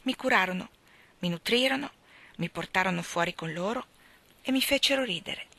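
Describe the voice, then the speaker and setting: Bright-voiced woman reading a novel. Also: medium pitch, expressive, normal speed. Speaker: reader.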